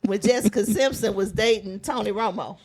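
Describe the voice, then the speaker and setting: Woman cohost, easygoing chatty podcast talk, middle pitch. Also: moderate pace, a little mellow, husky. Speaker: podcast co-host. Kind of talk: casual chat.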